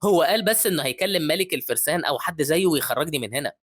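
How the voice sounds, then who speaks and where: A man's voice: a little high, lively intonation, rapid-fire, fairly bright tone, husky, no echo, clean studio sound, voice pushed up. A man voicing an eager young fighter woman, Egyptian accent. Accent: Egyptian Arabic.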